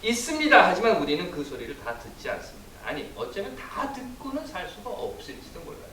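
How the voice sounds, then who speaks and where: A pastor delivers a Sunday sermon in a lively storytelling manner, his fairly high voice swinging widely as he acts out quoted lines. He is picked up from a distance in a roomy church sanctuary. A faint hiss sits under the recording. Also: a little fast. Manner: storytelling, acting out quoted voices with big swings in pitch and loudness.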